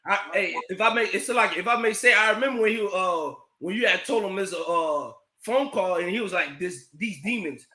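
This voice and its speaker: A man with a high, bright, sharp voice tells his story in casual chat, acting out the lines of others and swearing freely. The room gives his voice a clear echo. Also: brisk, hardly any pauses. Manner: animated, swears, acts out quoted dialogue. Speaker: podcast guest telling a story. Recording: echoey room.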